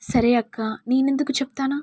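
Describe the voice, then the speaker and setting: Woman voicing a meek young wife, soft, pleading, higher voice, dry sound. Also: little pitch movement, fairly quick, no echo.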